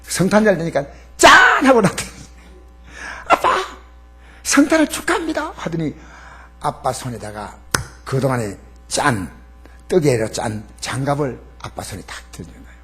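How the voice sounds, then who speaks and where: A male pastor preaching a Sunday sermon in a church, animated and acting out the voices of family members. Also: medium pitch, normal speed, soft background music. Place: church sanctuary. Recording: mains hum under the voice.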